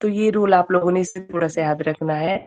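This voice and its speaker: A woman's voice: on the low side, fairly quick, a little mellow, lo-fi sound. A woman teacher giving an online grammar class. She keeps quizzing her students and checks in with "okay" as she goes.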